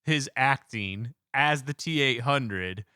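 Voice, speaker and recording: Man, podcast co-host, casual chat, hesitant, filler-heavy, bright tone. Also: medium pitch, takes it slowly, smooth, dry recording, studio quality.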